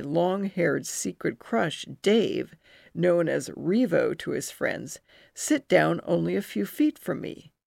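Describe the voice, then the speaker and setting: A middle-aged woman from New Jersey reads her own memoir aloud, slow and expressive, her voice jumping high at remembered feelings. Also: vocal fry, dry recording, studio quality. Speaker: memoir narrator. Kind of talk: first-person memoir reading.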